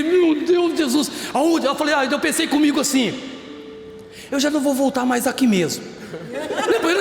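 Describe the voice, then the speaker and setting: A man preaching a lively sermon at a youth prayer group, acting out stories and breaking into shouts. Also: very high-pitched, creaky. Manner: animated, breaks into shouts and acts out scenes. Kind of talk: lively evangelical sermon with storytelling. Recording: echoey hall with faint music.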